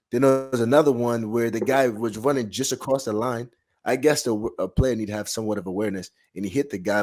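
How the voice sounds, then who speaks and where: A man's voice: on the low side, a little mellow. A man co-hosting a sports podcast, chatting casually in a blunt, slangy way. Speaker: podcast co-host. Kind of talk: casual sports commentary chat.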